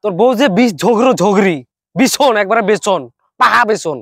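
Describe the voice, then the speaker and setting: Man, whiny complaining, high voice, dry sound. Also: moderate pace, gravelly, husky, no echo. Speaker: comedy skit actor. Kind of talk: comedy skit acting.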